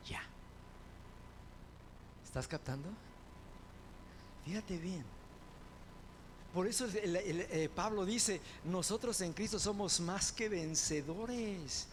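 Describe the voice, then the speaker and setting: A man delivers a sermon as a pastor, rising to loud, fervent proclamations and then slipping into quick conversational asides. His voice sits on the high side, and there is background noise.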